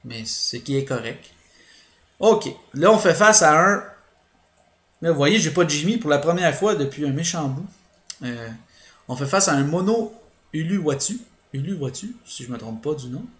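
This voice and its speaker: A man's voice: a little high, expressive, normal speed, fairly bright tone, echoey room. A man with a Quebec French accent doing let's play commentary, thinking aloud with hesitations and explaining his strategy to viewers. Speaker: gaming channel host.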